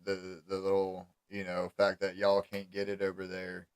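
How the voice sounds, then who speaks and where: American man interviewing in low, even tones. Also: normal speed, clean tone, no room sound. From United States. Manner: informal, conversational. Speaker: interviewer, host. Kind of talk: casual chat.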